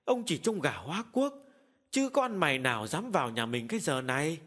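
A man putting on a shrill, nagging old wife. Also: sing-song, slightly rough. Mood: scolding. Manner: high, loud and brisk, nagging. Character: older village wife, kind but scolding. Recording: long hall reverb.

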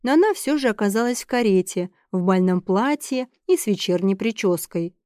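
A woman reading a romance novel aloud as a steady, even narrator. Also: mid-range voice, moderate pace, clean tone, dry recording, studio quality. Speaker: audiobook narrator. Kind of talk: scripted narration.

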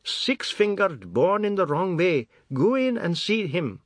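A man voicing a furious, scolding old village grandmother in a storybook reading, shrill and sharp-tongued. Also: big pitch swings, unhurried, no echo, exaggerated voice.

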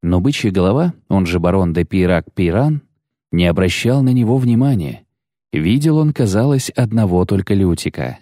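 A man narrating a fantasy audiobook in an expressive reading. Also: sits low, moderate pace, no room sound, clean studio sound.

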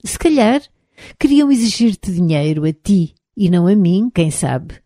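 A woman's voice: mid-range voice, big pitch swings, unhurried, dark tone, dry recording, studio quality. A woman with a European Portuguese accent reading the lines of a troubled middle-aged friend in an audiobook, murmuring and sarcastic in turn. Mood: brooding. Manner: murmuring, sarcastic then pleading.

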